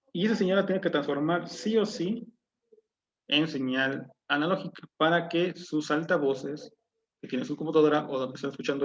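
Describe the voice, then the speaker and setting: A man teaching an online class, explaining step by step and putting questions to his students. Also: on the high side. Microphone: low-quality computer mic. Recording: dull lo-fi mic audio.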